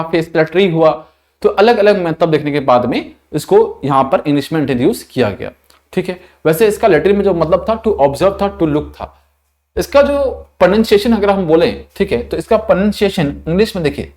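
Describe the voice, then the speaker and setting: A man's voice: high voice, darkish tone. Indian male tutor drilling pronunciation. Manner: explanatory, repeats words slowly to model pronunciation; frequent check-ins like "thik hai". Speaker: vocabulary teacher. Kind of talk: online vocabulary lesson.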